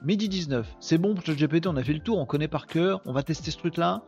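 A man's voice: fairly high pitch, fast talker, a little mellow, soft background music. A man with a ch'ti accent hosting a live podcast, chatting casually and joking with his viewers. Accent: Picard (ch'ti) traces. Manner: chatty, self-mocking, talks to chat viewers. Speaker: podcast host. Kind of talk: casual live-stream chat.

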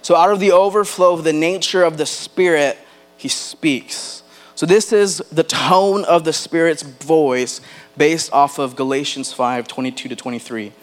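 A man preaching a sermon as pastor, earnest, slowing down to stress key words and putting questions straight to the congregation. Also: on the high side, steady tone, faint music behind. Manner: addresses the congregation directly with questions.

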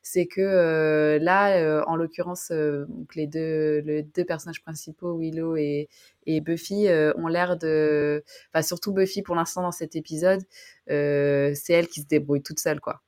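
A woman's voice: deep voice, steady tone, normal speed, a little mellow. A woman from northern France co-hosting a podcast, chatting casually with frequent fillers and restarts. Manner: hesitant, many fillers and restarts. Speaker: podcast co-host. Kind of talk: casual chat.

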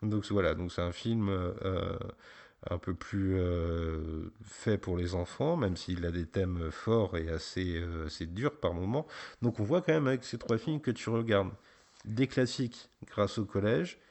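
A man hosting a casual film podcast, gently prompting his child with questions and often pausing to hesitate. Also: sits low, vocal fry. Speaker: podcast host; father interviewing his child.

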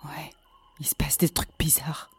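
A woman's voice: sits low, normal speed, dark tone, husky. An actress playing a bored young woman who grumbles and tells a story. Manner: grumbling, then whispering the story.

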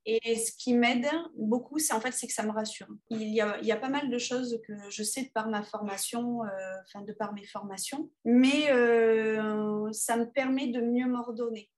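A woman, an underwater photographer being interviewed, talking casually with many pauses and restarts. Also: a little high, steady tone, darkish tone. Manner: hesitant, many fillers and restarts.

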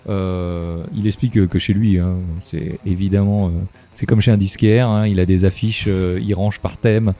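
A man's voice: low voice, fairly even intonation, normal speed, few pauses, warm tone. A man chatting casually about film as a podcast co-host, hesitant with many fillers and restarts, tired late at night.

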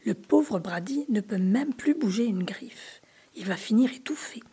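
A woman giving a whispered storybook reading, soft, hushed and expressive. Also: mid-range voice, a little slow, husky.

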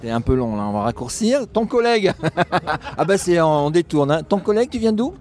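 A man interviewing podcast hosts in a brisk, teasing way. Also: fairly high pitch, sing-song, a little mellow, faint music behind. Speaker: guest interviewer.

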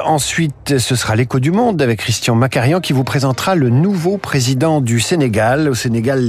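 A man's voice: mid-range voice, husky. A man with a French accent from France presents live morning radio news as the host, close to a studio microphone.

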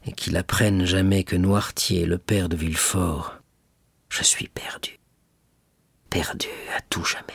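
A man voicing an anxious, scheming male magistrate in an audiobook, hushed and then sharp. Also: medium pitch, sing-song, slow, no room sound. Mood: fearful murmur.

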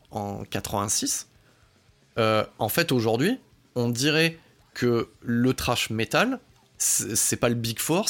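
A man hosting a podcast, giving a casual, excitable album review full of swearing, fillers and restarts. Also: medium pitch.

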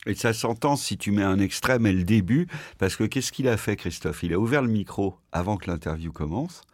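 Low-voiced man telling a story. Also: expressive, brisk, a little mellow, dry recording, clean studio sound. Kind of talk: conversational storytelling.

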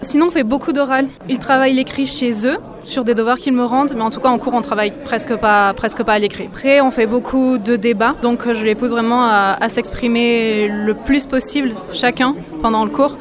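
A woman's voice: on the high side, steady tone, brisk, a crowd in the background. A woman who teaches French, speaking reflectively in an interview.

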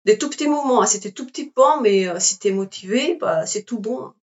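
A Slovenian woman in her forties with a Slovenian accent, chatting in a halting way with many fillers as an interview guest. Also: mid-range voice, lively intonation, dull audio. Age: 40s. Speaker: guest, climber. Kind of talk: casual interview chat.

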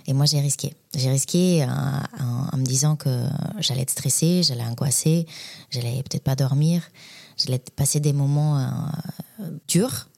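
Woman, Bulgarian accent, low voice, gravelly fry, hesitant, lots of restarts. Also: unhurried, darkish tone. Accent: Bulgarian, with a slight Québécois tinge. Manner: hesitant, many restarts and fillers, laughs often. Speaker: guest, professional dancer. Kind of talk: casual interview talk.

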